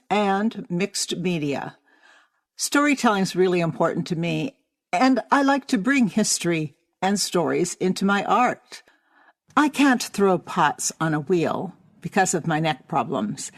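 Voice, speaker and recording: A woman's voice: fairly low pitch, dry recording, clean studio sound. Earnest woman podcast host. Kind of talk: scripted podcast intro, then interviewing.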